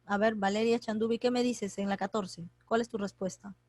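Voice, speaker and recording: A woman teaching an online grammar class, talking quickly and chattily as she quizzes students by name. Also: medium pitch, fairly even intonation, a little mellow, dry recording. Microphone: computer mic on a video call.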